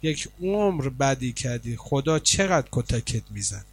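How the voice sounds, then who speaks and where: A preacher voicing Bahlul, pleading and bold. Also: male voice, fairly high pitch, close to an everyday voice. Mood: reproachful. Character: Bahlul, a scholar feigning madness, grieving and bold.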